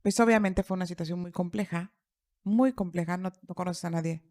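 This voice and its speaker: A woman's voice: on the low side, brisk, darkish tone, dry recording, clean studio sound. A middle-aged woman telling a personal story in casual podcast chat, repeating phrases for emphasis. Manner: acts out quoted dialogue. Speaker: podcast speaker.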